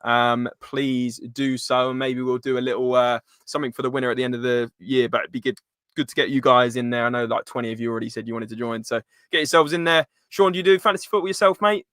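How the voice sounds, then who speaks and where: A man's voice: mid-range voice, fairly even intonation, fast talker, a bit bright, clear, resonant tone, dry recording, studio quality. A man hosting a casual live football chat in informal, matey slang. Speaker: live stream host.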